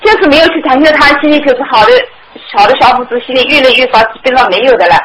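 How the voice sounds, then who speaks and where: A woman's voice: high-pitched, very fast. Anxious middle-aged woman calling in. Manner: anxious, deferential, keeps agreeing. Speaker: caller. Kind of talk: call-in counseling. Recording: noisy phone-in audio.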